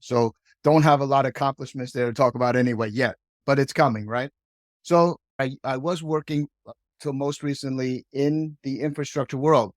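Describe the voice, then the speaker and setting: A man's voice: medium pitch, dry recording. Middle-aged guy from hong kong telling his story on a podcast, chatty, says right a lot, dry sound. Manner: chatty, keeps tagging "right?". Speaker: podcast guest. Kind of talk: casual storytelling.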